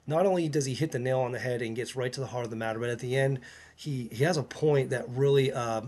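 A man talking casually to his video audience in a mid-pitched voice. He speaks earnestly and haltingly, filling gaps with ums and often restarting his sentences. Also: a little mellow. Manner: halting, many fillers and restarts; earnest, recommending. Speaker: YouTube channel host.

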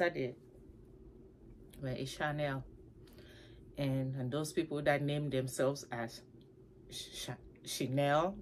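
A woman vlogging from her home, chatting casually to camera about her handbags in an animated, playful way. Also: fairly low pitch, a little hiss or hum. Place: her home, upstairs room.

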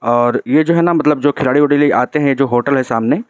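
A travel vlogger narrates a casual road-trip vlog from a moving vehicle, his mid-range voice brisk and free of echo. He talks in a chatty way and keeps tacking on "theek hai" as a check-in tag.

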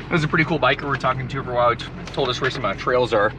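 A man casually narrating his road trip to viewers in a relaxed, chatty way, talking into a handheld camera. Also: mid-range voice, very fast. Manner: laid-back, chatty, talks to viewers as "guys". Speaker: travel vlogger. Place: outdoors and in vehicles on a road trip. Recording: outdoor recording with traffic noise.

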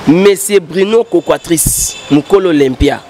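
In an outdoor studio set with a painted backdrop, a musician in his thirties tells rambling stories into a handheld mic held by the interviewer. Gesturing broadly, he switches between French and Lingala in fast, animated recollection. His voice is fairly high and warm, with a little hiss or hum.

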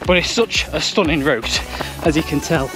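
A man's voice: fairly high pitch, normal speed, music in the background, low-quality recording. A young man chatting casually to camera while out running on a trail. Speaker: running vlogger. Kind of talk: casual vlog talk to camera. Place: outdoors on open moorland trails. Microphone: action camera held at arm's length.

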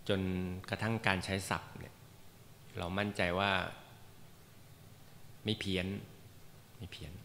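A man's voice: fairly low pitch, gravelly, sharp tone. A man teaching a class about leading meditation, talking casually and joking, with many fillers. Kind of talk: informal lecture to a class. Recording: roomy hall reverb, faint background noise.

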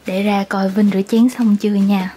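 Warm-toned and fairly quick, this young woman's medium-pitched voice barely rises or falls while she playfully chats to viewers on her vlog. In her twenties with a southern Vietnamese accent, she records in a small apartment's kitchen and living room amid clear household noise.

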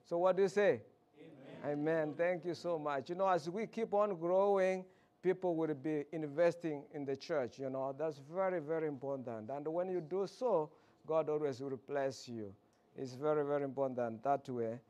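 Male pastor preaching, high clear voice, rambling friendly asides. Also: normal speed, a little mellow, lo-fi sound. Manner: folksy and chatty, with many asides and repetitions. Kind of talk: sermon. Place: church pulpit.

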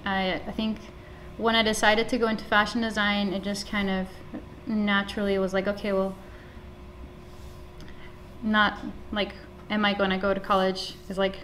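Woman, 30s, from Guatemala, flat delivery, earnest; office interview with a faint hum. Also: medium pitch. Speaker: supervisor. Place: office with flag and plant.

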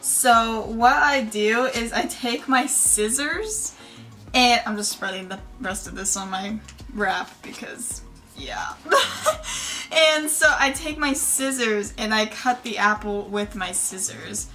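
A woman's voice: on the high side, animated, takes it slowly, bright, forceful tone, faint music behind. A young woman filming a casual day-in-the-life vlog, rambling with lots of fillers and small laughs. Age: young adult. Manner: rambling, many fillers like "like" and "yeah", giggly. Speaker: vlogger. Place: dorm room, then a small campus gym. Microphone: phone or camera set up nearby.

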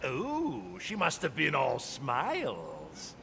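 An actor playing a gleeful, mocking villain clown with sadistic wit and a theatrical, teasing delivery in a video game. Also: male voice, mid-range voice, huge pitch swings, slow pace, gravelly, sharp tone, slight background noise, exaggerated voice. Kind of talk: video game character dialogue.

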